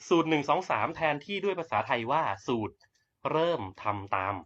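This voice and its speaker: Brash man pitching on a lo-fi livestream. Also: big pitch swings, fairly quick, fairly bright tone. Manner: blunt, brash, swears casually. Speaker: network marketing recruiter. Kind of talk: live-streamed sales pitch. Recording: dull lo-fi livestream audio.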